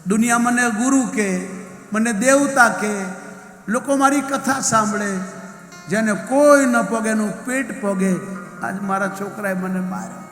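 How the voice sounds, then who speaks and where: A man's voice: high-pitched, a little slow, a bit bright. A man voicing an elderly, pious father who laments and pleads in grief. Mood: lamenting. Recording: echoey hall, faint music.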